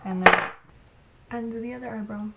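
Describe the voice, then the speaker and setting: A woman's voice: a little high, fairly even intonation, brisk, bright, forceful tone, slight background noise. A woman beauty vlogger talking viewers through a makeup tutorial in a chatty, informal way, as if to friends. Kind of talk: casual makeup tutorial chat.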